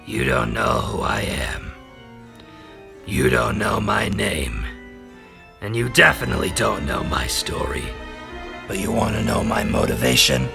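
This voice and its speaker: A man doing a disguised deep, gravelly undead villain. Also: very animated, measured pace, pauses often, heavily acted. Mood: menacing. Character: grotesque undead male villain seeking immortality. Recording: music playing underneath.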